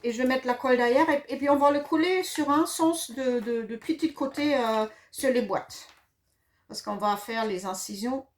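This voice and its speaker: A middle-aged woman with a German accent talks viewers through a paper craft project. Her voice sits fairly high. She pauses often on fillers, restarts her sentences and corrects herself as she goes. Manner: hesitant, many fillers and self-corrections. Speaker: craft demonstrator. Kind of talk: casual craft tutorial.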